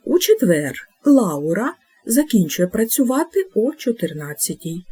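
A woman teaching an Italian lesson, explaining patiently and repeating each form slowly. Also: fairly low pitch, warm tone, husky. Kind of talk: instructional video lesson.

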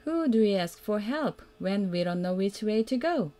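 Like a mother at story time, a woman reads a children's picture book aloud, keeping it simple and deliberate and inviting the young listener to join in. Her mid-range voice is animated and mellow.

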